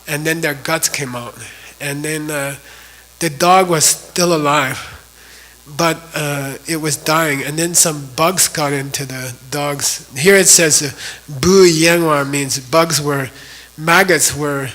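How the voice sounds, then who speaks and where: A man teaching a class tells a story in a loose, easy, conversational manner. His voice sits a bit high and rings bright and forward. He fills gaps with frequent "you know" and "like". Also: steady tone, slow pace, poor audio. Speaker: Buddhist teacher.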